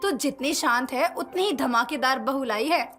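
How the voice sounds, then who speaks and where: A woman's voice: sits high, moderate pace, a bit bright. A woman voicing a sly, teasing middle-aged neighbor who mocks others. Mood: mocking. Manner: mocking, sly. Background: background music.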